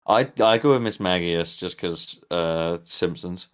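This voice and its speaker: A man with a low voice hosting a live stream, rambling casually and laughing easily. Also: a little slow, clean tone. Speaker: streamer host. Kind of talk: casual chat.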